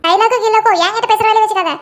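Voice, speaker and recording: A very high, piercing voice for a domineering cartoon mother-in-law, acted by a woman. She scolds and taunts at a fast clip, words tumbling out in a steady stream. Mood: scolding. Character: bossy, sharp-tongued older mother-in-law. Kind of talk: comic cartoon voice acting.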